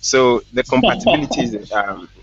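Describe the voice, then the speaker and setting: A man, a startup founder, talking casually on an online call, relaxed, laughing often and pausing with fillers. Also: medium pitch, a little hiss or hum. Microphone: headphones with mic on a call. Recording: dull lo-fi online call audio.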